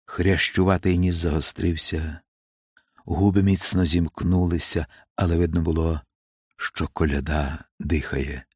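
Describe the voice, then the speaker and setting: A man narrating an audiobook in a measured, unhurried way. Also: sits low, steady tone, breathy edge, no room sound. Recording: dry voice over faint music.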